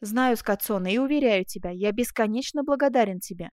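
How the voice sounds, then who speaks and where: A woman's voice: on the high side, brisk, a little mellow, no echo, clean studio sound, natural voice. A woman voicing a male master craftsman in an audiobook, cool and patronizing toward a young woman. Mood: cool dismissive.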